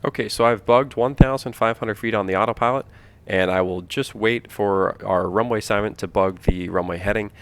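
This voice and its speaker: A man with a lowish, creaky voice teaches as a flight instructor. He explains procedures informally in a walkthrough style, stressing key points by repeating them. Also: brisk, no echo.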